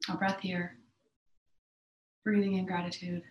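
Woman leading yoga in an echoey room. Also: fairly low pitch. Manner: calm, measured step-by-step cueing. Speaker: yoga and mobility instructor. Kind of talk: guided stretching class with breathing cues. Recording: echoey, roomy sound.

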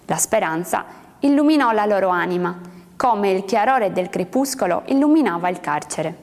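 A woman narrating a literary story aloud in a measured, expressive reading. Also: mid-range voice. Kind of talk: audiobook reading of literary fiction. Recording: long hall reverb.

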